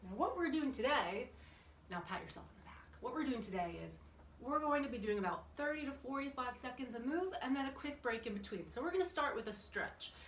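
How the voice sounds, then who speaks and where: A woman with a high-pitched, lively voice speaks fairly quickly as she leads a children's exercise class, chatting, encouraging, and asking the viewers questions along the way. She is in an indoor room with the windows open, recorded by a camera at a distance, so the sound is echoey, distant, and carries background noise.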